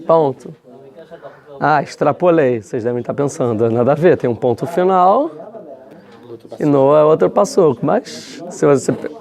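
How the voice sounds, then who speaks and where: A man's voice: fairly high pitch, normal speed, creaky, a little mellow. A man teaching a casual religious lesson, talking in a chatty way with frequent rhetorical questions and restarts. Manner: conversational, many fillers and restarts, rhetorical questions.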